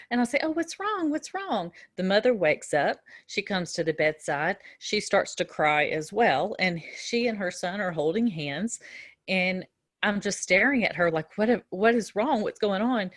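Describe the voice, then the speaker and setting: A middle-aged woman teaching nursing students in a relaxed lecture, telling a story from her own work with fillers and restarts. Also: on the low side, no echo, studio quality. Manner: conversational, with frequent fillers and restarts. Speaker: nursing instructor. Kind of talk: recorded lecture with a personal story.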